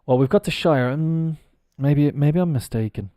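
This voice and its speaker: On a live stream, a man teaches English pronunciation, spelling words out letter by letter and chatting casually along the way. His voice is on the high side and dark in tone, at a moderate pace, with a clean studio sound and no room noise.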